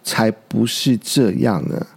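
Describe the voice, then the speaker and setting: A man's voice: fairly high pitch, lively intonation, slow, darkish tone. Man doing indignant baby ankylosaurs. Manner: indignant, protesting. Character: four indignant baby ankylosaurs, sulky and resentful.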